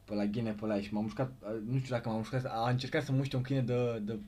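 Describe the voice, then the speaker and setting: A man co-hosting a podcast, chatting casually with short interjections and childhood stories. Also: medium pitch. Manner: relaxed, quick interjections. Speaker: podcast co-host. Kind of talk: casual chat.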